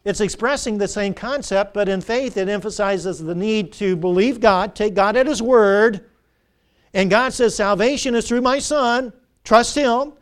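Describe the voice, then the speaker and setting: High-voiced emphatic male preacher. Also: a little slow. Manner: emphatic call-and-response questioning, repeating key phrases. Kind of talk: sermon.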